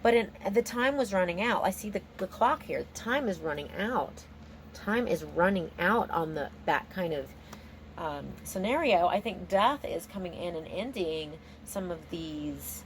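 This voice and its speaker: A woman's voice: on the low side, lively intonation, a little slow, a little hiss or hum. A woman giving a casual, improvised tarot reading in an informal, exclamatory, slangy way. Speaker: tarot reader.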